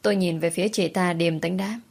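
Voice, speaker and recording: A woman tells a story in a lowish voice. She keeps a brisk, matter-of-fact pace through the narration. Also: fairly even intonation, creaky, darkish tone.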